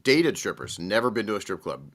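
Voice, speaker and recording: A man hosts a casual podcast, playful and teasing as he talks. His voice sits a bit low but stays bright and bounces around. He moves easily between joking and arguing his point. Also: very animated, a little fast, slight background noise. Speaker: podcast host.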